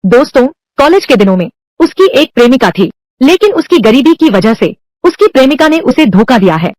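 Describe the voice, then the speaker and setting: A woman with a high, bright-pitched voice reads every role of a dubbed drama herself, keeping the same voice for men and women. Her pitch leaps up and down with animated swings. The sound is close and completely dry. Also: fairly quick, no room sound. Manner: reads all male and female parts in one unchanged voice. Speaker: voice-over dubber. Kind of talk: dubbing every character of a drama alone.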